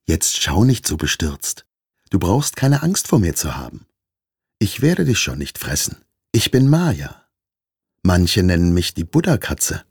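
Man reading a soft gentle storybook cat lady, low and husky, slow soothing talk. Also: animated, no echo, studio quality, full character voice. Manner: soothing, unhurried. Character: calm, kindly female cat.

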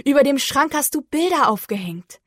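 A cheerful cow mother from a children's storybook, voiced by a woman reader, calling out high and lively in delight. Her pitch swoops widely on each excited line, close and dry. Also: moderate pace, no echo. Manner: bright, eager, gushing.

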